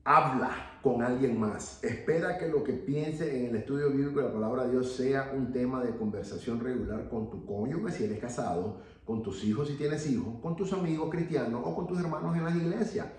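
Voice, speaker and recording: A man's voice: medium pitch, moderate pace, hardly any pauses. A man teaching a church Bible class in an earnest preaching tone, often repeating key phrases and checking in with "ok". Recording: echoey room, voice from a distance.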